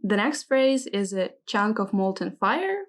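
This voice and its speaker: Speaking at medium pitch and an unhurried pace, this woman sounds very animated as she hosts a vocabulary segment. English is not her first language; she reads example phrases carefully and asks about their meanings, inquisitive and attentive to checking what words mean.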